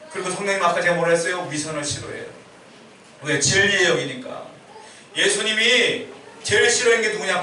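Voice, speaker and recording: A man's voice: high voice, bright, forceful tone. A man preaching a sermon as pastor, asking his congregation questions and answering them himself. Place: church sanctuary. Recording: echoey church hall, mic far off, faint hiss.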